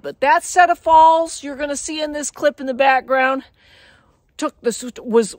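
Her voice sits high, and the sound is clean and studio-like with no echo. She's a wilderness guide and show host casually demonstrating gear in the snow, telling a story in plain, folksy terms, captured by a camera mic that is occasionally handheld.

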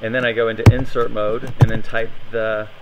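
A man's voice: fairly low pitch, little pitch movement, a little fast, very noisy. A man giving a live coding demo at a meetup, thinking aloud and hesitating often. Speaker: meetup presenter. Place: meetup room.

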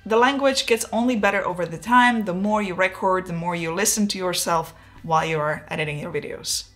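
Soft music plays behind a woman in her forties from the Czech Republic who talks a little fast in a lowish voice with a Czech accent. Vlogging casually about photography to camera, she's relaxed and chatty, pokes fun at herself, and gestures with her hands. She's recorded in an indoor home studio using a wireless lapel mic.

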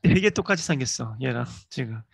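A middle-aged man teaching English in a chatty lecture, repeating phrases slowly for learners. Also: medium pitch, animated, creaky, breathy edge, no echo. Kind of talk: casual lecture.

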